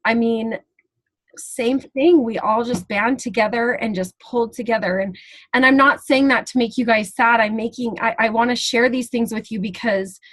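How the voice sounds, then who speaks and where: A woman's voice: fairly high pitch, fairly even intonation, normal speed, a bit bright, no room sound, rough recording. Emotional woman host on a video call. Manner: emotional, rambling with restarts. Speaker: team leader, webinar host. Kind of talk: casual team webinar talk.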